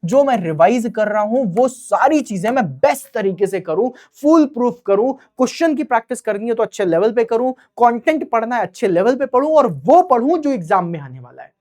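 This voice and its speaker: A man's voice: extremely high pitch, big pitch swings, fairly quick, hardly any pauses, darkish tone. A young man teaching a live online exam-prep class, chatty and keeps checking in with his students.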